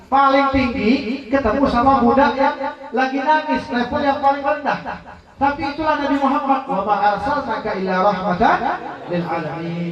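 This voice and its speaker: A man preaching to a study gathering, telling a story with jokes and questions for the audience. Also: very high-pitched. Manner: animated, jokes with the audience, asks them questions. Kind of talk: sermon storytelling. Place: religious study gathering hall. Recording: echoey, distant, dull hall recording.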